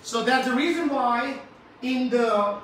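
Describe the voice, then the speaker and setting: A man with an Indian English accent delivers a sermon in a high, emphatic voice, repeating phrases and prompting the congregation to respond. He sounds distant from the mic, and heavy echo fills the large hall. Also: slow, fairly bright tone. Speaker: preacher. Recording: very echoey hall, from far off, faint noise.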